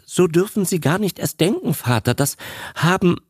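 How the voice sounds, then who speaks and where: A man voicing a gruff grown son who roughly and urgently reassures his old father in a dramatized audiobook. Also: sits high, expressive, moderate pace, no room sound, clean studio sound, pitched above the performer's own voice. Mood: insistent.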